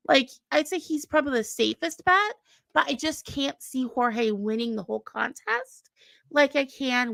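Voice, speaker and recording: A woman in casual chat on a video call, giving quick, opinionated takes. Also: high voice, vocal fry, a bit bright, no echo.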